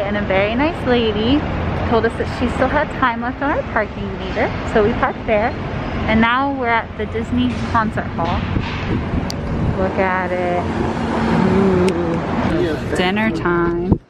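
Loud music plays over this young woman's medium-pitched, slightly slow voice as she vlogs casually and cheerfully into her phone or handheld camera. Moving between car and outdoors, she chats upbeat with plenty of fillers, and the noisy recording picks up car sounds.

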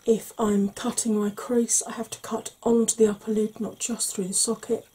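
Recorded in a small room at home, this woman in her forties, a makeup vlogger, guides viewers through an ASMR makeup tutorial with slow, gentle patience. Her breathy, soft voice sits on the high side, frequently falls to a whisper, and stays flat in delivery.

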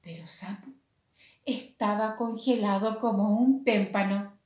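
A woman reading a picture book aloud to children in a gentle, expressive manner. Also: mid-range voice, unhurried. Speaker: storyteller for children. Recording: roomy echo.

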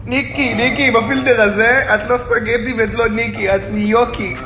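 A man's voice: extremely high pitch, fairly even intonation. A man talking playfully to his dog, teasing and joking. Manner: playful, teasing, mixes languages. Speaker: dog owner. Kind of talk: casual talk to a pet. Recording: background noise.

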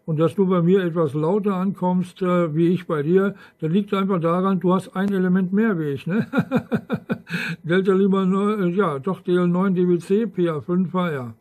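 At a moderate pace, a man with a high, darkish voice and fairly even intonation rambles through an easygoing amateur radio chat, often appending tag questions.

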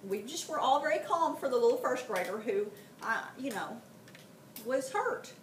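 In a distant, roomy recording with faint background noise, a middle-aged woman teaches history to a class. Her voice sits on the high side at a normal speed, and she tells lively stories, regularly asking the students "okay?"

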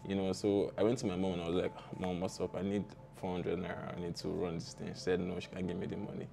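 Sitting in a small studio with curtains, a young Nigerian-accented tech founder chats as a guest, telling stories informally with slang. His low, creaky voice moves quickly with little change in pitch, and music plays in the background.

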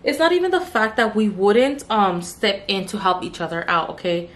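A young woman gossips her way through a storytime as she does her makeup, peppering every sentence with "like". Her pitch sits in a plain middle range, and she laughs and talks quickly and loosely. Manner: chatty, full of "like" and laughter. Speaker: beauty vlogger. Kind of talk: casual storytime while doing makeup.

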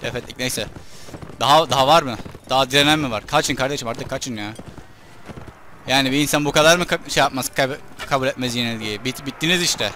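Excitable man narrating his gameplay. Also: mid-range voice, brisk, a little hiss or hum. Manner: excitable, talks to his soldiers and enemies, mutters when things go wrong. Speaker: gameplay commentator. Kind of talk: live gameplay commentary.

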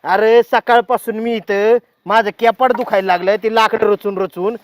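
A man's voice: high voice, fairly even intonation, moderate pace, no echo, close to an everyday voice. A man playing a bossy, nagging village husband. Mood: scolding. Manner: nagging, barking orders, repeats words. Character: bossy scolding village husband, middle-aged. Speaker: actor. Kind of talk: village short-film acting.

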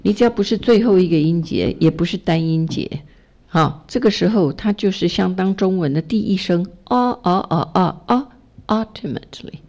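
Her voice low, dark, and brisk, this middle-aged Taiwanese English teacher runs a Buddhist study class in a relaxed coaching style. She models pronunciation for the students, chatty and encouraging, with plenty of fillers.

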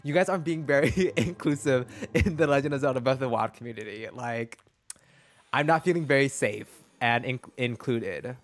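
A young man chatting casually while streaming a game, animated and full of slang. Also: mid-range voice, normal speed. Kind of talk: casual gaming stream chat.

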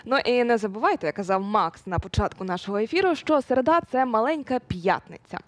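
A young woman hosting a morning show, speaking fast in a slightly high voice. She asks questions in a friendly way and closes the broadcast. The sound is close and dry. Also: expressive, no echo. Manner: quick, friendly, light laughs. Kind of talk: casual interview hosting.

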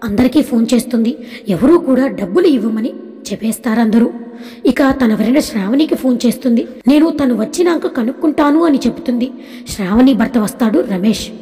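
A woman narrating an audiobook story in a steady, plain storytelling way. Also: a little high, fairly quick, long reverb tail.

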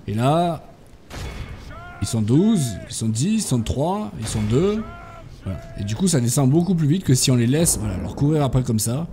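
French gamer with a dark voice. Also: male voice, medium pitch, slight background noise. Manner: bosses units around, bursts into excited exclamations. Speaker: gaming YouTuber. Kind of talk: casual let's-play commentary.

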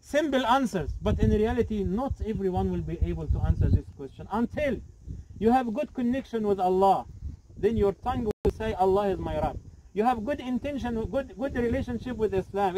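A middle-aged imam with a high-pitched, mellow voice preaches earnestly beside a grave while a crowd stands around in the cemetery, repeating himself and asking rhetorical questions. The rough recording, made on a camera a few metres away, has a little hiss or hum.

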